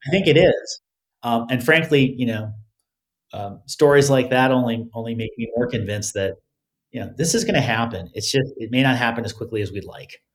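A man giving considered interview answers as a guest, often halting and repeating words as he starts phrases. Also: mid-range voice. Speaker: podcast guest, crypto legal expert.

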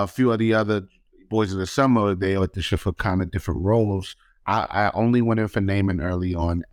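A man from Brooklyn, recalling his acting days in an animated, storytelling way. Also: on the low side, no echo, clean studio sound. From Brooklyn, New York. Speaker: interviewed actor. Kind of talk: casual interview recollection.

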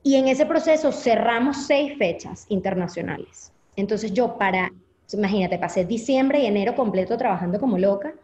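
Woman, Venezuelan Spanish accent, young adult, animated storytelling, roomy echo, slightly muffled sound. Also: medium pitch, moderate pace, a little hiss or hum. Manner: animated, acts out her own past thoughts. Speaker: interview guest. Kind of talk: candid personal storytelling. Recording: echoey, slightly dull audio.

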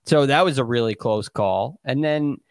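A man's voice: mid-range voice, moderate pace, dry recording, studio quality. A man co-hosting as a golf commentator, explaining shots in a casual, conversational way with hesitant phrasing. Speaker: golf podcast co-host and analyst.

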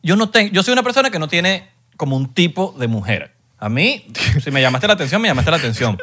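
A young man with a Venezuelan accent, talking in a bright, forceful voice that swings all over its range. He jokes loudly with his co-host and sometimes bursts into a shout. His voice sits a little high. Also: fairly quick. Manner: loud, animated and joking, bursting into shouts. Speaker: podcast co-host. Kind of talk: casual chat.

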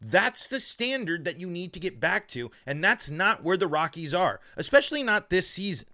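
With his mouth still numb from the dentist, a man hosts a live sports podcast, talking emphatically while stumbling and repeating words. His voice runs a little high and sounds pushed and bright.

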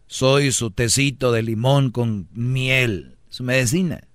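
Brash Mexican male host, mid-pitch, dry studio, comic sermon on dating. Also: slow pace, no echo. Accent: Mexican Spanish. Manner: brash, preachy, mimics voices for jokes. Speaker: radio host giving dating advice. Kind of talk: comic radio monologue.

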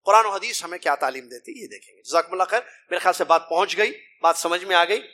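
A man's voice: sits high, sharp tone. A middle-aged man from India or Pakistan gives an emphatic sermon in a mosque, often asking rhetorical questions and calling his listeners brother. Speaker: preacher translating a Friday sermon.

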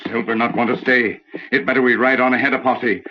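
A man's voice: mid-range voice, steady tone, brisk, close to an everyday voice. Tonto, man acting terse scout in muffled old radio. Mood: watchful, terse. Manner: terse, clipped broken English. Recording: muffled old radio recording, faint noise, clicks.

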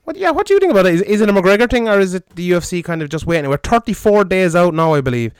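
A hungover Irish man hosts a casual podcast in a fairly high male voice. He is informal and jokey, happy to swear. The sound is clean and dry. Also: very animated, rapid-fire, smooth, no room sound. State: hungover, rough voice. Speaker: podcast host. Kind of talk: casual chat.

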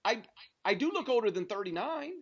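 This American sports podcaster in his thirties, from the Memphis area of the southern U.S., has a high-pitched, slightly rough voice with big pitch swings and a brisk pace. In casual chat he rambles and stresses his points, saying "like" constantly.

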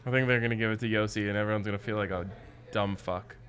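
A man's voice: on the low side, fairly even intonation, fast, a bit bright. An American man hosting a sports betting show, chatting casually in a slangy, joking, blunt way.

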